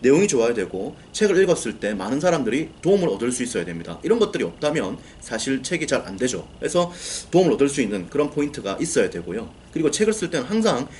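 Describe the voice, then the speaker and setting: A man lectures on writing books with a lively, animated voice. He explains step by step, repeats key phrases and answers his own questions. Faint noise sits under the voice. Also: medium pitch, quick pace, few pauses. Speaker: book-writing coach.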